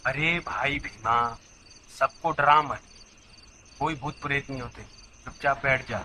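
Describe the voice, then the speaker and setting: A man's voice: medium pitch, a little slow, pushed and bright, slight background noise. A man voicing a level-headed villager who brushes off his friend's fears and scolds him, in a cartoon story. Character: calm, scolding adult male villager.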